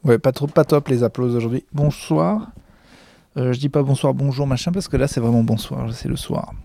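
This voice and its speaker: A stand-up comedian rambling backstage in a self-mocking vlog monologue, full of hesitations, into a handheld recorder. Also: male voice, medium pitch, steady tone, fast, gravelly, warm tone. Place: backstage room of a comedy club.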